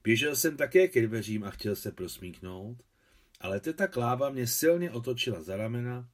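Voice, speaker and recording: A man calmly reading his own translation of a novel aloud in a measured storytelling manner. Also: mid-range voice.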